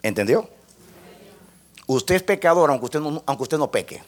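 A male preacher delivers a teaching sermon in a slightly high voice. His pitch swings a great deal as he walks through each point. He often stops and asks the listeners to say the key phrases back to him. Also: animated, moderate pace. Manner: spells out points step by step like a lesson.

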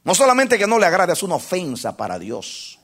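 A man with a high voice preaches a sermon straight to his congregation. He asks them question after question and repeats key phrases for weight. He drops to a hush, then climbs to full, ringing force. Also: wildly swooping pitch, brisk, breathy edge. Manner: impassioned, swings from hushed to loud, repeats phrases for emphasis; addresses the congregation directly with questions.

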